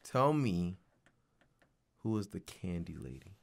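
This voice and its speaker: A man's voice: low-pitched, very animated, takes it slowly. Teasing man quizzing his co-host. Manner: teasing, playful questioning. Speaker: podcast co-host asking questions. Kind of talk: casual chat.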